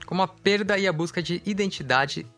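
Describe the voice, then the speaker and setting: Chatty male radio host, higher voice. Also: a little fast, fairly bright tone, soft background music. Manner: easygoing, chatty, thinks aloud with self-corrections. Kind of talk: casual radio chat introducing songs.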